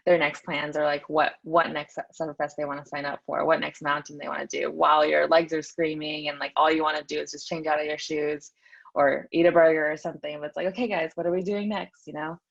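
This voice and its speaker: A woman's voice: sits low, level tone, fairly quick, creaky, dull audio. A woman in her thirties from Southern California, chatting upbeat about her team with many ums. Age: 30s. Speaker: team member. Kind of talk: casual team introduction.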